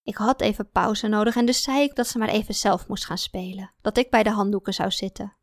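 A woman's voice: medium pitch, steady tone, fairly quick, no echo, studio quality. A woman reading a first-person story aloud in a confiding, introspective manner. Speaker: audiobook narrator. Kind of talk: first-person scripted narration.

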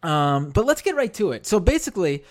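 An American man with a hoarse, worn-out voice hosts a live stream, talking casually and haltingly, repeating phrases for emphasis. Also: sits high, very animated. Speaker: live stream show host.

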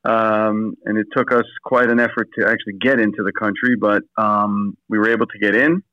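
Over a dull, lo-fi, dry phone line, an assistant pastor answers questions as a phone-in interview guest. His lowish voice has little pitch movement and runs fairly quick with no echo, and he sounds hesitant, with many fillers and restarts.

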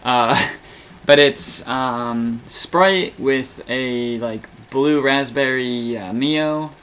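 A man's voice: mid-range voice, a bit bright, slight background noise. Hesitant, stammering man chatting. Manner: halting, many stammers and restarts. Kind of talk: casual chat.

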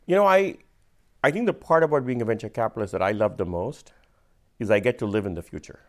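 A venture capitalist with an Indian accent and a lowish voice explains things patiently in casual conversation. His explanations are measured, occasionally slowing down for emphasis.

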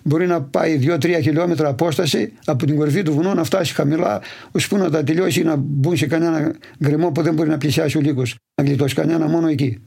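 A livestock farmer from Imathia, answering interview questions in detailed, steady storytelling. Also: male voice, a little high, gravelly, breathy edge. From Imathia, Greece.

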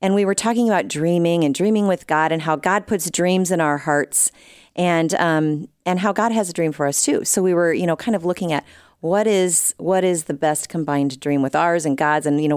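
A middle-aged woman hosts a radio talk show in a studio, chatty and quick to laugh. Her voice sits a little low and sounds dry and close, with no room around it. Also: a little mellow, dry recording. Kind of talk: casual studio chat.

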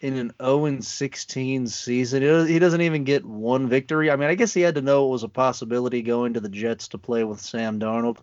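A man's voice: medium pitch, a little fast, hardly any pauses, darkish tone, highs cut off. A man co-hosting a podcast, chatting casually about football, laid-back and laughing easily, with frequent restarts. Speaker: podcast co-host. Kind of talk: casual sports chat.

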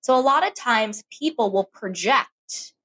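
A woman talking as a podcast guest, candid and animated, giving advice and telling personal stories. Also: fairly high pitch, unhurried, husky. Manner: animated, acts out her inner voice when telling stories.

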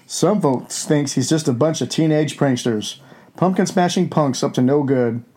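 A man puts on a wolfman hosting a campy horror show. The voice is dark and mellow, a little raised in pitch. He tells gleefully crude tales in a hammy, scripted way. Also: normal speed, slightly rough. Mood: gleeful, ghoulish. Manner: hammy, alliterative, storytelling.

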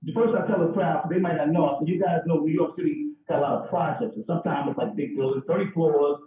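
A stand-up comedian with a fairly high voice tells stories quickly in a casual video-call chat, animatedly acting out voices and dog sounds. The call audio is echoey, distant, and phone-like.

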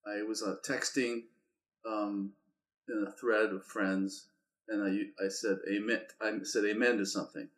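A man's voice: fairly low pitch, flat delivery, measured pace. A middle-aged man in casual conversation, talking reflectively about himself and laughing often.

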